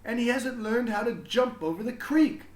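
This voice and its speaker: Man as a young schoolgirl, earnest, matter-of-fact, raised pitch, children's storybook, echoing room. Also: moderate pace.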